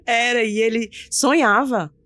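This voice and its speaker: A middle-aged woman pastor telling her personal testimony in a casual interview, animated and playing out the voices of people in her story. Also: a little high, measured pace, no echo. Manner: animated storyteller who acts out quoted voices and laughs often. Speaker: pastor, podcast guest.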